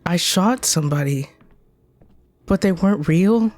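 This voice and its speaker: Slow-talking anxious woman streamer. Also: fairly low pitch, animated, a little mellow, soft background music. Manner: anxious, repeats questions to herself. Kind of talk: live gameplay commentary.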